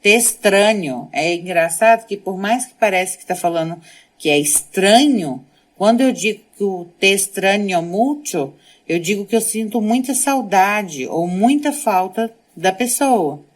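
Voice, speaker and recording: A woman's voice: medium pitch, expressive, unhurried. A woman teaching a Spanish lesson, speaking Portuguese as her first language, who reads sentences aloud and then translates and explains them.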